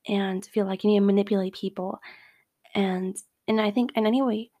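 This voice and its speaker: A woman hosting a casual advice talk, speaking in a chatty way with lots of fillers like "like.". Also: medium pitch. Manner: acts out quoted remarks in a brighter voice. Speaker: host giving advice.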